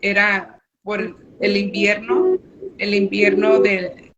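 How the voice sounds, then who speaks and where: A woman's voice: mid-range voice, level tone, slow pace, fairly bright tone. A woman giving a personal faith testimony as a radio guest, hesitant and with frequent filler words. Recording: muffled radio recording with background noise.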